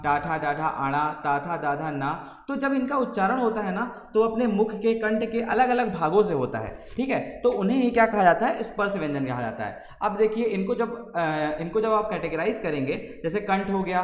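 A man's voice: sits high, roomy sound, long reverb tail. A man teaching a grammar lecture for exam preparation, who keeps asking the class questions and then answers them himself.

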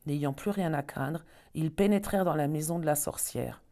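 A woman storyteller reading a fairy tale aloud in an expressive, measured way. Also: sits low.

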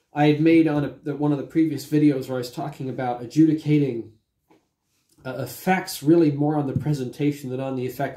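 Recording indoors in his timber-framed home dining room, which lends a roomy echo, a magician in his forties talks technique in a casual, explanatory vlog. He's getting over a cold and has a lozenge in his mouth; his voice is fairly high-pitched yet dark in tone.

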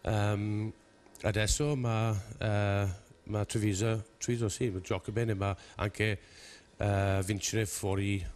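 Halting, deep-voiced man with English-accented Italian. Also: little pitch movement, a little mellow. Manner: halting, searching for words, broken Italian mixed with English. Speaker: rugby coach, studio guest. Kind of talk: television interview. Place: television studio.

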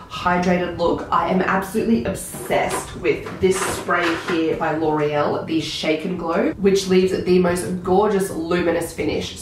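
An excitable young Australian woman talks through a makeup haul in a casual, gushing way. Her voice sounds croaky, as if she is sick. The room around her gives a noticeable echo, with a faint hum of ambience underneath. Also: on the low side. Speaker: beauty vlogger.

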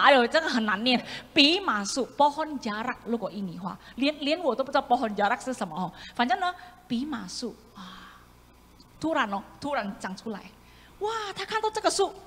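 A woman preaching a sermon, animated, acting out voices and dropping into whispered asides. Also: on the high side. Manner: animated, acts out voices of the prophet with sudden loud and whispered asides. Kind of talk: sermon with congregation reading along. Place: church hall. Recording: echoey church hall, faint room noise.

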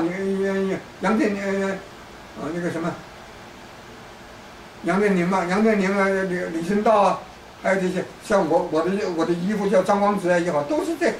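A man from China giving a rambling, lecturing political monologue, full of repeated restarts and pointed asides to the listener. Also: high-pitched. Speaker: political commentator. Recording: roomy, distant mic, faint background noise.

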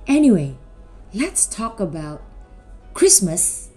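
A middle-aged woman talking to children like a kids show host, animated, with simple questions and drawn-out words. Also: mid-range voice, faint music behind. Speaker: children's presenter at a school Christmas service.

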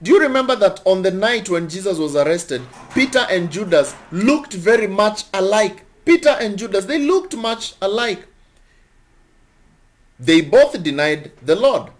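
A young man with a notably high-pitched voice delivers a sermon. He talks in an animated way, repeating his phrases and stopping to chuckle between points. His rhetorical questions keep the teaching moving. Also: measured pace. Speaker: preacher.

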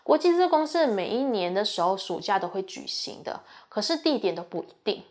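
A woman's voice: mid-range voice, very animated, fairly quick, darkish tone. Chatty young woman giving advice. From Malaysia. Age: young adult. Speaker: university student sharing experience. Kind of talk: casual advice talk.

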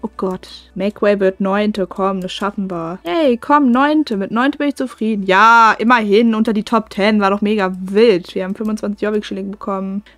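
A young woman giving casual gameplay commentary at home on a USB desk mic, excitable and swearing at the game. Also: mid-range voice, moderate pace, few pauses. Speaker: gaming YouTuber. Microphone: USB desk microphone.

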